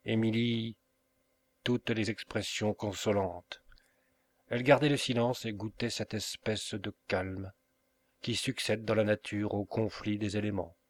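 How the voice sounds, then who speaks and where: A man reads a classic novel as an audiobook, measured and unhurried. He takes deliberate pauses between phrases. His voice sits on the low side. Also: fairly even intonation. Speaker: audiobook reader. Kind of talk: scripted narration of a novel.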